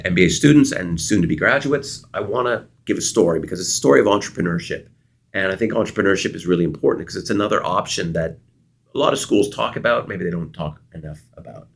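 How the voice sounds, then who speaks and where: A man's voice: sits low, creaky, slight background noise. A middle-aged man from Canada, a consultant guest in an interview, telling stories and acting out the dialogue in them. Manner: animated storyteller, acts out quoted dialogue. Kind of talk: storytelling interview answers.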